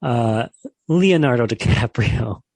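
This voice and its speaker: A man's voice: mid-range voice, expressive, takes it slowly, vocal fry, darkish tone, no echo. A man co-hosting a podcast, chatting casually about film awards, laughing often and using lots of fillers. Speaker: podcast co-host.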